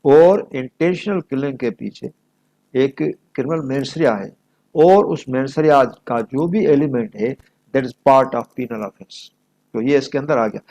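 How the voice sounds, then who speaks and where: Speaking slowly in a warm, medium-pitched voice, this Pakistani-accented man lectures on law, moving between Urdu and English as he reads examples and hammers home key phrases by repeating them. The recording quality is low.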